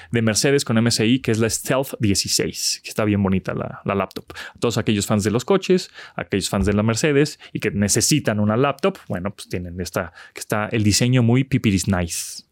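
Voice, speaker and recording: Lively joking Mexican man. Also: medium pitch, no echo, clean studio sound. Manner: joking, teasing, slangy. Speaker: podcast co-host. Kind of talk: casual chat.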